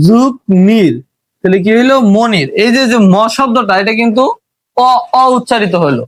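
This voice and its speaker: A man's voice: extremely high pitch, no room sound. A man teaching a spoken language lesson, explaining patiently, repeating points and asking rhetorical questions, with a Bangladeshi Bengali accent. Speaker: English teacher.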